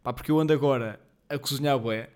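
A man's voice: mid-range voice, fast, darkish tone, smooth. A man in his twenties with a European Portuguese accent, rambling through a casual solo podcast with lots of slang and fillers. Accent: European Portuguese, Lisbon slang. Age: 20s. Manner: rambling, slangy, self-deprecating, many fillers; apologetic about being jittery and off rhythm. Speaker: podcast host.

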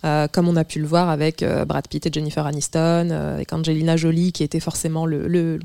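A woman's voice: deep voice, flat delivery, brisk, gravelly, dark tone, dry recording. A woman author answering interview questions, thoughtful, searching for words. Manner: thoughtful, many fillers and restarts. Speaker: author and guest.

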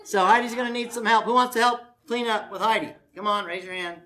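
A pastor running a family camp speaks in a high, steady, sharp voice at a fast clip. Addressing a congregation in a meeting hall, he preaches and makes camp announcements, joking in a folksy way as he coaxes people to volunteer.

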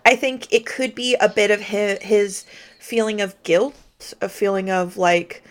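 A woman co-hosts a casual film podcast, eager and opinionated as she works through her reading of a movie. Her voice sits at an ordinary middle pitch for a woman. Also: unhurried. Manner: enthusiastic, opinionated, talks through her ideas. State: slight hiccups. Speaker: podcast co-host. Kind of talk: casual film review chat.

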